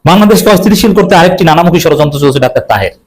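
Fast-talking emphatic male political commentator. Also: on the high side, expressive, poor audio. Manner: emphatic, repeats slogans, mocking asides.

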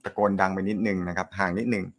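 A man hosting a casual live stream, reading viewer comments, with a naturally loud voice and a joking, chatty manner. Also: low voice, level tone, rapid-fire. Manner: joking, laughs often, chatty. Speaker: host of a snooker live show.

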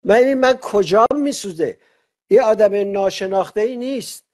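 Male host, high voice, lively storyteller in a casual live chat. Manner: animated, rambling storytelling with quoted dialogue. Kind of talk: live-stream conversation.

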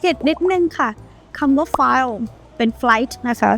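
High-voiced woman teaching pronunciation. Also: slow, creaky, soft background music. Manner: polite, teacherly, ends sentences with soft particles. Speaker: study-abroad consultant teaching pronunciation. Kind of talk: friendly pronunciation lesson.

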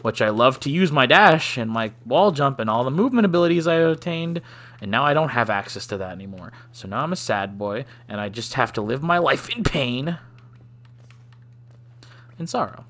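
A man's voice: mid-range voice, expressive, normal speed, fairly bright tone. A man giving casual let's play commentary, joking and self-deprecating, often sighing. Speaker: gaming channel host.

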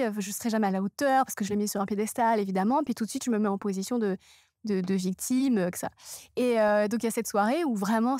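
High-voiced woman telling a candid personal story. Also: no room sound, studio quality. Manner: animated, self-mocking, halting restarts. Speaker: guest, comedian and author.

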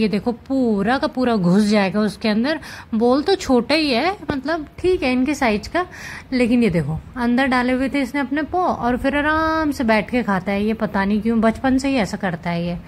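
A woman vlogging casually at home with her cats, chatting gently to viewers as she handles them. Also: on the high side, animated, normal speed, a little hiss or hum. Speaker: cat vlogger. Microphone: camera set up nearby.

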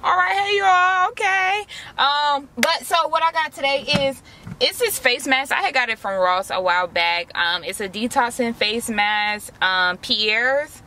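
A young woman vlogger with a high, animated, bright and forceful voice speaks unhurriedly, with slight background noise. Sitting in a parked car doing a face mask, she talks to her viewers in a slangy, direct way, filmed by a camera close in front of her.

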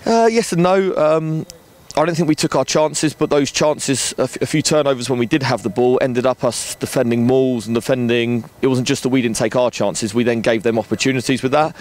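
A man in his thirties, a rugby director, speaking in a frank, measured way with many ums and restarts, outdoors at a floodlit ground at night into a handheld mic. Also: medium pitch, darkish tone. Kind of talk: post-match interview. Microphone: handheld interview mic.

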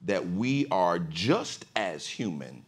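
A man's voice: low-pitched, sing-song, slow pace. A man hosting a panel discussion as a pastor, speaking in a preacherly way that climbs to emphatic peaks on a studio stage before an audience. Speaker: pastor and podcast host.

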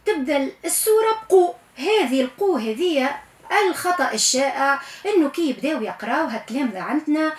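A woman with a Tunisian accent teaching Quran recitation in a radio lesson, coaching patiently and stretching sounds out slowly to demonstrate them. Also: fairly high pitch, roomy sound. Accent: Tunisian Arabic.

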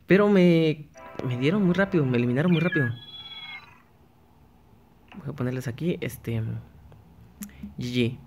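A man's voice: on the high side, expressive, unhurried, pauses often, over music. A man giving casual gameplay commentary, chatting to himself and his viewers as he plays, often restarting his sentences. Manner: chatty, talks to himself while playing, frequent restarts. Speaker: gaming YouTuber.

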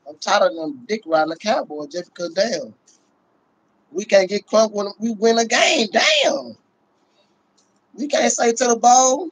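The recording quality is low, picked up by a phone close to a middle-aged man with a high-pitched voice. He hosts a sports livestream as a Cowboys fan, chatting casually with slang, cursing and recurring catchphrases from a small indoor room.

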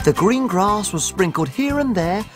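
An actor playing a tiny, excitable, cheerful cook, speaking in an exaggerated, animated children's TV storytelling manner. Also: male voice, sits high, a little slow. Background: music.

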